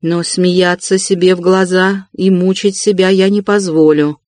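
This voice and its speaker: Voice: medium pitch, little pitch movement, measured pace, darkish tone, no room sound, clean studio sound, close to an everyday voice. A reader voicing an agitated young male student in an audiobook, tense and insistent. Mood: defiant. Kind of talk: audiobook character reading.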